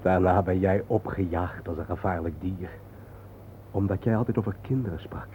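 An actor with a low, natural voice speaking at normal speed portrays an intense, soul-searching man lost among the war dead. His delivery is earnest and declamatory, the tone reverent and sombre, in a poetic radio drama preserved on a muffled, noisy old recording.

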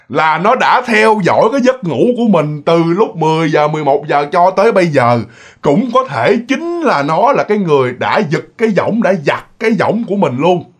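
A man telling a true ghost story in a lively, repetitive way, often speaking straight to his listeners. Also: on the high side, slightly rough.

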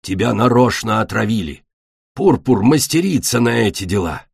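A man voicing a harsh, bitter female dragon in a storybook reading, with a low, cold, husky delivery. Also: expressive, moderate pace, no echo, clean studio sound, full character voice. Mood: angry. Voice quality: gruff, cold.

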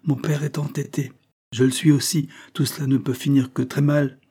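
A man's voice: mid-range voice, flat delivery, moderate pace, warm tone, breathy edge, pitched above the performer's own voice. A man reading aloud, voicing a grieving, stubborn young peasant woman in a plaintive, insistent way. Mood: sorrowful.

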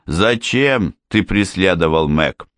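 Deep male reader as a scared man begging his brother to stop, audiobook thriller. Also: expressive, slow pace, no room sound, studio quality, full character voice. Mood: pleading. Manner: urgent, pleading shouts. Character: frightened man pleading with armed brother.

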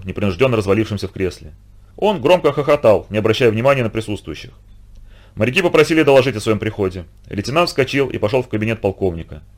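A male narrator reads an audiobook in a steady storytelling voice. His pitch is middling and his pace quick.

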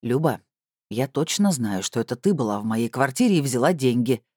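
A woman reading an audiobook, voicing a stern, sarcastic middle-aged man in a lowered, cold, hissing delivery. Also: big pitch swings, moderate pace, warm tone, no echo, studio quality, full character voice. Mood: menacing. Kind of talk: audiobook character voice.

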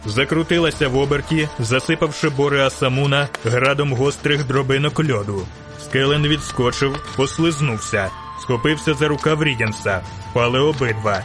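A man narrating an audiobook in a slow, deliberate storytelling manner. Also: mid-range voice, music in the background. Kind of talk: scripted narration.

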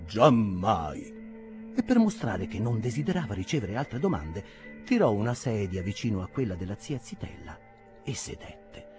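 A man narrating a classic novel for an audiobook in a measured, expressive storytelling manner. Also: fairly low pitch, soft background music.

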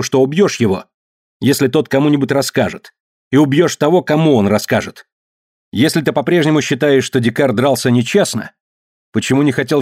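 A man's voice: mid-range voice, a little mellow, no room sound, clean studio sound, pitched above the performer's own voice, close to an everyday voice. A man voicing a bold young woman who firmly protests an injustice in a story reading. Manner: firm and protesting.

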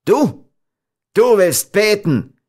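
A furious young man in a storybook reading, scornful and bitter, as a narrator plays him. His words come loud and slow. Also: sits high, big pitch swings, voice pushed up, exaggerated voice.

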